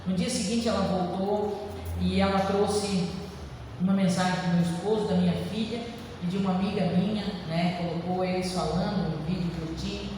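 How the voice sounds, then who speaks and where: A woman's voice: lowish voice, steady tone, normal speed, noisy background. A woman giving a heartfelt personal testimony at a church service, often addressing the congregation directly. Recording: echoey church hall from far off.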